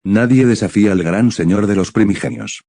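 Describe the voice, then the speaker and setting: A man's voice: fairly low pitch, a little fast, creaky, warm tone, no room sound, clean studio sound. A man voicing a deranged, fanatical cult priest in a fan story, grandiose and menacing like an evil emperor. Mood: smug, menacing. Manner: grandiose, menacing villain proclamations.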